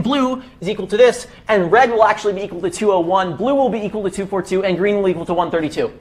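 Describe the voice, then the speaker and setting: A man's voice: sits high, fairly bright tone. A young man giving a casual classroom coding lesson, full of fillers and restarts. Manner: casual, many fillers and self-corrections. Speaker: workshop instructor. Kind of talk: live coding lecture.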